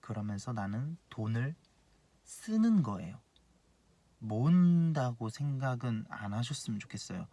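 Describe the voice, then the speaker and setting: A young man in his late twenties talks through his advice as an insurance planner. He speaks bluntly and earnestly at an ordinary pitch, hammering home each point by repeating it. The delivery is casual and direct, like a one-person video talk. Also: sing-song, unhurried, warm tone, no echo. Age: 20s.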